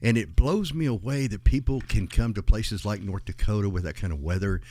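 A man from West Texas, the host's father, chats casually as a guest, meandering through memories with plenty of fillers. His voice is on the low side, warm in tone and brisk.

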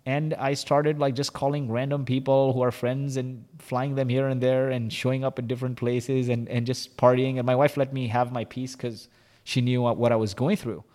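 A man's voice: mid-range voice, moderate pace. Man telling his story in a reverberant hall. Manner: animated, confessional, heavy use of "like" and "you know". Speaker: guest, company co-founder. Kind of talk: candid storytelling in an interview.

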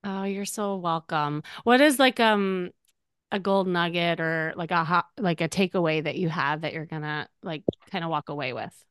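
A woman's voice: fairly low pitch, moderate pace, a bit bright, smooth, dry recording, clean studio sound. Upbeat woman coaching on a podcast. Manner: upbeat and encouraging, laughs often. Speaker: dating coach and podcast host. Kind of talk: warm encouraging coaching chat.

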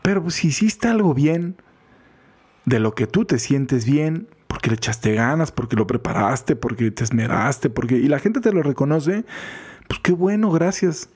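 A priest with a Mexican accent giving a chatty, informal reflection on the gospel, often laughing and acting out what people say. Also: male voice, mid-range voice, big pitch swings, moderate pace, darkish tone, breathy edge. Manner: chatty, laughs often, acts out quoted voices. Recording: podcast voice recording.

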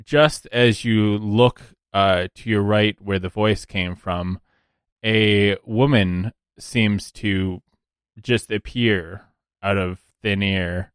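Man, game master narrating a tabletop game, slow halting delivery, dry close sound. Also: lowish voice, steady tone, smooth, no echo. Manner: halting, filler-heavy narration.

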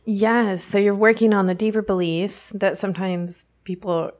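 A woman's voice: medium pitch, steady tone, moderate pace. Affirming woman interviewer. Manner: affirming, summarizing, frequent agreement sounds. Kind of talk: casual interview talk.

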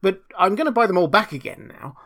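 A humble, loyal little gardener from a storybook, put on by a man. He speaks in a raised, lively pitch with an apologetic, eager manner. His phrases often open with a hesitant stammer. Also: fast talker, exaggerated voice. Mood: sheepish. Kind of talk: storybook character reading.

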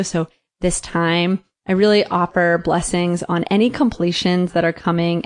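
Woman, lowish voice, podcast host, reflective spiritual monologue, intimate, phrase-by-phrase delivery. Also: darkish tone.

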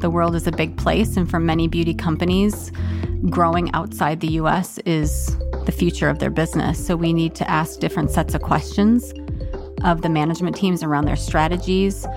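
A woman's voice: sits low, steady tone, moderate pace, over music. A woman giving explanatory commentary as an expert. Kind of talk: explanatory talk.

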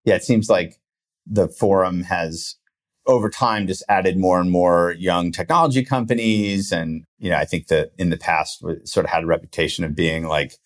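A man's voice: sits low, steady tone, moderate pace. A man hosting a podcast interview, easygoing and full of casual fillers. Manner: easygoing, lots of "like" and "you know". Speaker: podcast host.

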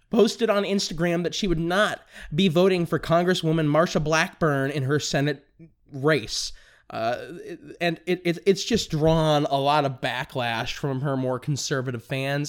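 A young man hosting a political commentary podcast, talking fast and excitably, tripping over his words and restarting sentences. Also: a little high. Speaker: podcast host.

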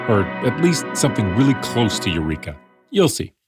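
A man's voice: medium pitch, sing-song, normal speed, over loud music. Wry conversational male storyteller. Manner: conversational, wry asides to the listener. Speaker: podcast narrator. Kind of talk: scripted storytelling narration.

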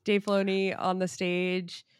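Podcast host, woman, lower pitch, excitable and chatty, dry mic. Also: a little slow, clear, resonant tone, no room sound. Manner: excited, chatty, laughs often. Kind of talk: casual chat.

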